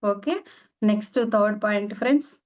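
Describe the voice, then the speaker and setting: A woman's voice: mid-range voice, brisk, darkish tone. A woman meditation teacher giving a conversational spiritual talk, acting out little dialogues as she teaches. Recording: dull lo-fi recording.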